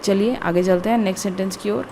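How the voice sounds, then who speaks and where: A woman teaching a grammar lesson, explaining slowly and deliberately word by word, with frequent repetition. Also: medium pitch, steady tone, warm tone, a little hiss or hum. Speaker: English teacher. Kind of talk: classroom-style grammar lesson.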